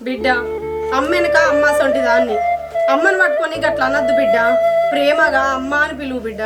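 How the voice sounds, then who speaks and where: A woman's voice: high-pitched, fast talker, close to an everyday voice. An actress with a Telangana accent playing a tearful stepmother who pleads and sobs. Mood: pleading. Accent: Telangana Telugu. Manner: pleading, sobbing. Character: tearful middle-aged stepmother, new young wife. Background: loud background music.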